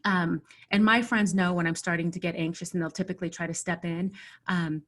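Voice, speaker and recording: A woman speaking as a webinar panelist in a thoughtful, measured way, pausing often with ums, over a video call. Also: on the low side, fairly even intonation. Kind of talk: earnest discussion.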